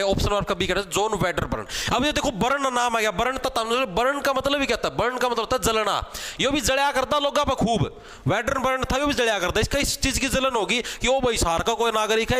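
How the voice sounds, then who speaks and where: A man's voice: high voice, fairly bright tone. A young man with a Haryanvi accent teaching an exam-prep class. He chats and teases, uses joking memory tricks, and keeps checking in with "theek hai". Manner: chatty, teasing, repeats "theek hai" as a check-in.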